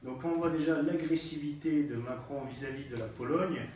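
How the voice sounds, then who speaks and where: A man's voice: on the high side, steady tone, brisk, a little mellow, slight background noise. Male activist, stumbling delivery, distant echoey recording. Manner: hesitant, many fillers and repeated words. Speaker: party activist. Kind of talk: live political discussion. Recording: distant echoey room sound.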